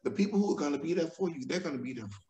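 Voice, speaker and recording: A man's voice: a little high, expressive, very fast, mellow. A man, a guest telling stories candidly and animatedly in conversation. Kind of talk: storytelling in conversation. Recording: roomy echo.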